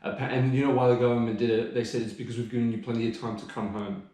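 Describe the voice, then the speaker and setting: A man chats casually on a podcast, rambling from point to point and swearing freely. His voice sits at an ordinary middle pitch, with a strong echo from the room around him. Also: fairly even intonation, racing, warm tone. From Australia. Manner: swearing, laid-back, rambling. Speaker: podcast co-host. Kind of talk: casual chat.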